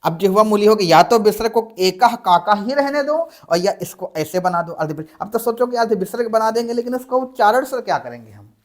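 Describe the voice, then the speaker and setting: A man's voice: high-pitched, lively intonation. Man teaching grammar step by step. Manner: explains step by step, asking and answering his own questions; slows to spell out examples syllable by syllable. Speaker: Sanskrit teacher. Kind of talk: blackboard grammar lesson.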